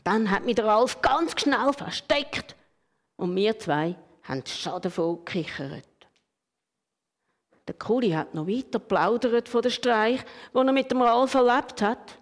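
Woman reading a children's story. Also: on the high side. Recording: long hall reverb.

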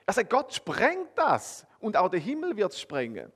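A man with a Swiss German accent preaching a sermon, talking straight to his listeners and swinging between emphatic, rising phrases and hushed, drawn-out ones. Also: high-pitched, wildly swooping pitch, slightly rough. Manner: addresses listeners directly with a conversational "oder?".

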